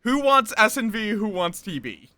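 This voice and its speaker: A streamer and storyteller hosting an online social deduction game chats casually with friends and viewers, playful and sprinkling in little sing-song interjections. The voice sits in the mid range but swings widely in pitch, moving at a moderate pace with a bright, forceful tone. There is no echo.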